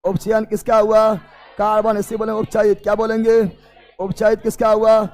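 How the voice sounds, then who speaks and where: A high-voiced male teacher drills his class with repeated questions. His voice is gravelly and he often shouts or slips into a sing-song. He keeps up a loud call-and-response. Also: completely flat delivery, normal speed, faint music behind.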